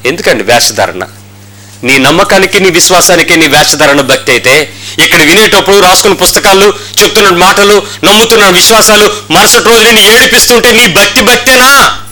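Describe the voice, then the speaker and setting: A man's voice: sits high, fairly quick, bright, forceful tone, poor audio. A man preaching a sermon as a pastor in a church, firing rhetorical questions and acting out the stories he tells. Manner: impassioned preaching with rhetorical questions and retold dialogue.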